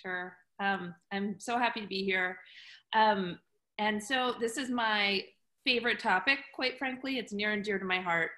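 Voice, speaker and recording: Bright-voiced woman telling a story. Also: medium pitch, unhurried. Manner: chatty, frank, many ums. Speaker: guest surgeon. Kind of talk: storytelling in an interview. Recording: roomy echo.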